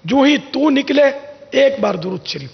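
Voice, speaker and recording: A man's voice: extremely high pitch, animated. A man giving an informal religious talk, telling anecdotes in a conversational way and acting out the lines he quotes. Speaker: religious scholar giving advice. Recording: dull lo-fi sound with long reverb.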